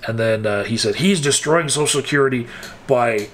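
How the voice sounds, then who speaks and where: A man at an ordinary mid pitch delivers casual, frank commentary. His tone is wry, and he often pauses, hesitates and restarts mid-sentence as he thinks aloud. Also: fairly bright tone. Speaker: political commentator.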